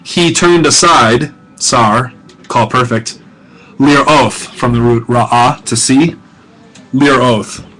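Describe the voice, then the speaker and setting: A man's voice: mid-range voice, slow, sharp tone, soft background music, rough recording. A middle-aged male professor talking students through a grammar lesson, casual and self-correcting, with many fillers and check-ins. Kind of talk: recorded lesson narration.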